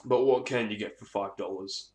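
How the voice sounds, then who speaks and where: In an echoey room full of clear background noise and clicks, a man demos gear as a hobbyist, rambling casually with some swearing. His voice is lowish and a little mellow, at a normal speed.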